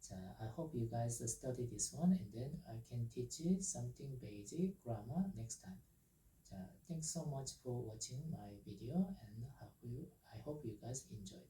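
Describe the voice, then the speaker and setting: Man teaching a lesson, very dark mellow voice, keeps going "ja... right?", echoey room, sits back from the mic. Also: medium pitch, animated, normal speed, distant mic. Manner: keeps saying "ja" and checking with "right?". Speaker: language teacher. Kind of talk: explaining step by step to viewers. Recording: roomy sound from away from the mic.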